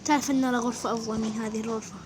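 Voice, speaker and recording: High-voiced woman playing a dollhouse game. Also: steady tone, rapid-fire, background noise. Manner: playful, switches between family characters. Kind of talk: voicing a dollhouse game role-play.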